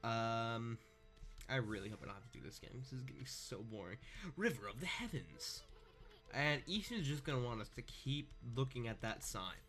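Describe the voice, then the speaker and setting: A young man with a mid-range, fairly bright voice makes sarcastic, animated commentary at a moderate pace while playing a video game, drifting off mid-sentence into joking asides. He's a let's-play gamer, and faint game music plays underneath.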